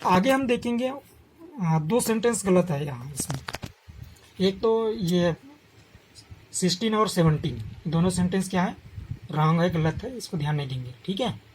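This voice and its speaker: A woman teaching a grammar lesson who repeats each example slowly and quizzes the listener. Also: fairly low pitch, animated, darkish tone, a little hiss or hum.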